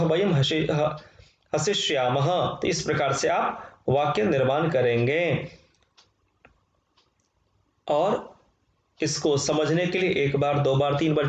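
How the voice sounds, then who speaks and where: Male teacher, grammar lesson, slow measured recitation, slightly high voice, echoey room. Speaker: Sanskrit teacher.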